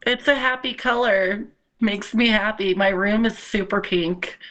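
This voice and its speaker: A woman's voice: mid-range voice, steady tone, a little slow, a bit bright, slight background noise. A woman guest on a podcast, chatting casually over a video call, bubbly and laughing often. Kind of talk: casual chat.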